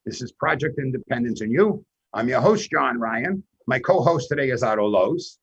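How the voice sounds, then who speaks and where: A man's voice: mid-range voice, animated, normal speed, breathy edge, dry recording, highs cut off. A man with a heavy Brooklyn accent hosting a radio talk show in an informal way.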